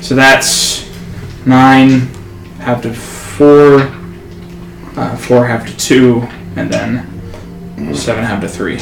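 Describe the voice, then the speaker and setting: A man narrating as game master of a tabletop game, halting, with many fillers. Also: mid-range voice, steady tone, gravelly, soft background music. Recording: echoey room, faint noise.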